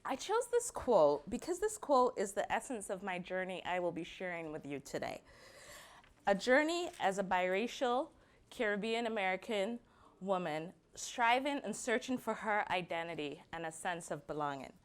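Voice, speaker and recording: A young adult woman from Barbados with a Barbadian accent, giving a prepared personal talk and slowing down to stress key words. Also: mid-range voice, sing-song.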